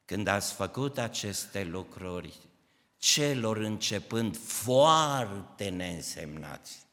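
A man preaching a sermon to a congregation, impassioned, swinging between loud outbursts and hushed, tearful passages. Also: on the low side. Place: church hall. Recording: reverberant church hall.

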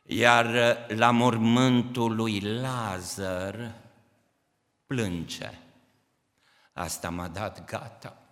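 Impassioned preacher in a reverberant hall. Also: male voice, on the low side, fairly even intonation, pauses often. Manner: impassioned, swings from shouting to hushed. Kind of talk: sermon. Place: church hall.

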